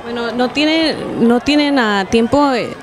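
Amid crowd noise at a racetrack, an off-camera woman reporter asks her questions in a slightly high, unhurried voice. Her manner is plain and friendly with the occasional filler, and she extends a handheld mic to guests.

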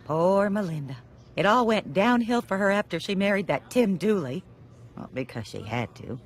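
A woman's voice: mid-range voice, animated, moderate pace, lightly acted. A woman voicing a prim, gossipy middle-aged cartoon mother who judges others with pointed asides. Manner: prissy, judgmental, pointed asides.

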